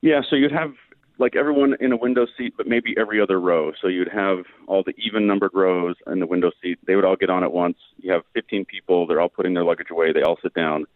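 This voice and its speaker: Deep-voiced man on a fading phone line. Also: fairly even intonation, fast talker, no room sound. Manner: patient, explanatory, with frequent "um"s. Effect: phone line that fades in and out. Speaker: guest physics professor. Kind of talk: explaining by phone on a radio show.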